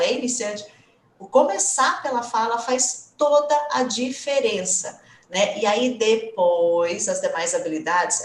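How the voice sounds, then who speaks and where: A woman English teacher hosting a live stream, talking in an enthusiastic, encouraging way. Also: on the high side. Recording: echoey room, voice a bit far from the mic.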